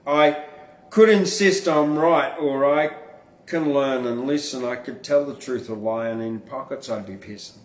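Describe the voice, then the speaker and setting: Heard through a distant mic in an echoing room, a man with a mid-range voice and measured pace reads his own verse as a podcast host and poet. His manner is informal and blunt, with casual asides and plenty of swearing.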